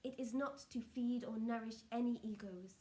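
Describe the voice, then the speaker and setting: A woman speaking as a trance channelling seance medium, solemn and measured, delivering spiritual messages in short halting phrases. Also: a little high, warm tone.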